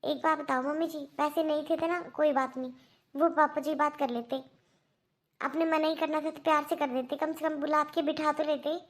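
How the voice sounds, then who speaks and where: A woman's voice: high-pitched, steady tone, moderate pace, close to an everyday voice. A woman voicing a young daughter-in-law who firmly and earnestly lectures her mother-in-law in a cartoon.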